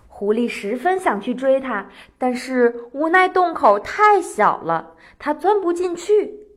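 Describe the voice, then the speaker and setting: A woman telling a children's story in a gentle, singsong narration as the host. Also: sits high.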